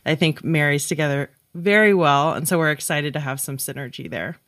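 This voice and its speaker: Brief: steady host walking through a patient case, clinical and clear, dry recording. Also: medium pitch, no room sound. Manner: measured, clinical, explanatory. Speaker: podcast host, physician. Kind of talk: podcast case presentation.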